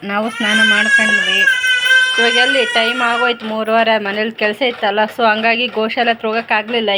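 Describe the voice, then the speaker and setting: Young woman, home vlogger, a mother chatting and scolding her little ones, higher pitch, noisy phone audio. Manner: chatty, coaxing and scolding her small children. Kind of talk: casual home vlog.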